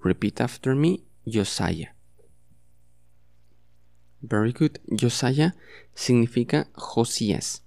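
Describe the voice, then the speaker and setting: Man, podcast English teacher, gravelly, mellow, patient repetition, bilingual lesson. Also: mid-range voice. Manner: patient, repeats words for the listener to echo.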